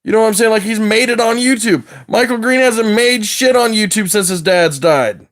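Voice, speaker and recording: A man's voice: high-pitched, moderate pace, fairly bright tone. A man on a livestream rant, agitated and wired, rambling from thought to thought and swearing a lot. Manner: swears heavily.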